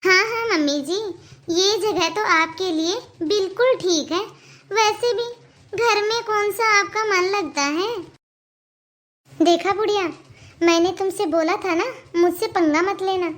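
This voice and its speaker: A woman voicing a scheming, bossy young daughter-in-law in a cartoon, who talks in a sharp and taunting way. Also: very high voice, measured pace. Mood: gloating. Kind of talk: cartoon voice acting.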